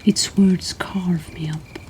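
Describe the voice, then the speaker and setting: Slow whispering woman by a campfire. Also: on the low side, fairly even intonation, dark tone, slight background noise, low-quality recording. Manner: slow, soothing, intimate. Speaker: poetry reader and storyteller. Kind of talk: whispered role-play.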